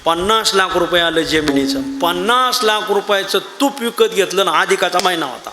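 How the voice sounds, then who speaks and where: High-voiced joking kirtan preacher. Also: male voice, moderate pace. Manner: folksy, joking asides to the audience. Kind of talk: devotional storytelling sermon. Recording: echoey hall with loud ambient noise.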